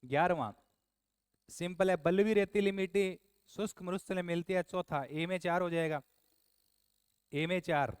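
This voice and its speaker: A man from Rajasthan teaching an exam answer walkthrough, brisk, quizzing his listeners and scolding them in asides. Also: high voice, clean tone, dry recording.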